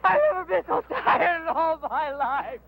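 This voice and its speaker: Very high-pitched joking, weary man. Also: normal speed, gravelly. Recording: noisy old film soundtrack.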